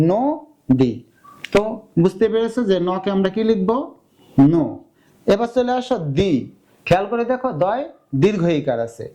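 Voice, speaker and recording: Guy teaching exam grammar, kinda high voice but soft and mellow, keeps quizzing the class then answering himself. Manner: explains step by step, asks students questions and answers them. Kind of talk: exam-prep grammar lesson.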